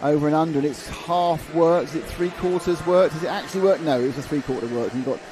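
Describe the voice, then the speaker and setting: A man's voice: a little high, fast, music in the background, low-quality recording. A man commentating live on a kart race, chatty and thinking aloud with restarts. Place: outdoor kart track commentary point.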